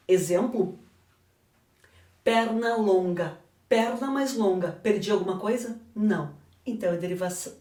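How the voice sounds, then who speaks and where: Far from the microphone in an echoey room, a Brazilian woman with a Brazilian Portuguese accent leads an exam correction lesson. Her mid-range voice is a little mellow, and she explains didactically by asking and answering her own questions.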